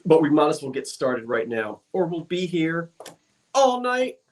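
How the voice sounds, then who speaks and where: Hosting a live-stream auction of glass, a man talks to viewers in a fairly high, very animated voice at a measured pace. His manner is chatty and rambling, full of fillers and self-corrections, and he reads viewer comments aloud.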